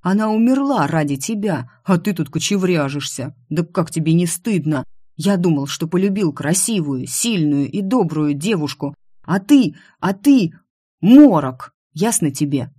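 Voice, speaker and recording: Lowered to sound like a woman playing a gruff young man, he scolds bluntly with a stubborn, grumbling edge. The reading is dry and close to the mic, with a fairly low voice for a woman. This is a storybook figure in a read-aloud fantasy tale. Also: a little slow, darkish tone, no echo. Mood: furious. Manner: brusque, scolding.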